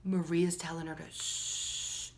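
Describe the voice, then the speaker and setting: With a deep, level voice, a woman hosts a children's storytime, reading a picture book aloud with expression and talking straight to her young listeners. She goes slowly, uses a storyteller's phrasing, and there's noise in the background.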